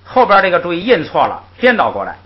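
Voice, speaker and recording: Talking fast in a high-pitched voice, a man gives a classroom language lecture, patiently going through the rules with lively energy and saying "ai" often. He models syllables for students to repeat in drills, and the recording sounds muffled and lo-fi.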